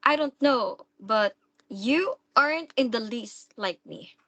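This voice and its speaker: Woman playing a high, bright, mocking stepdaughter. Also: lively intonation, slow, heavily acted. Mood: mocking, insistent. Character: mocking, bold young stepdaughter in a stage play. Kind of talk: dramatic stage-play reading.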